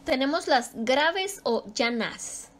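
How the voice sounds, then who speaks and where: A woman's voice: high voice, lively intonation, takes it slowly. A woman teaching spelling rules, patiently stretching out key words and correcting herself as she thinks aloud.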